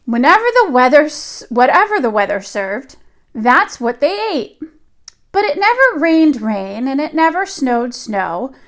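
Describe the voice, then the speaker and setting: A woman with a high voice reads a picture book aloud for young children, very animated and a bit bright. She shapes every phrase with deliberate expression, the way a teacher does at storytime.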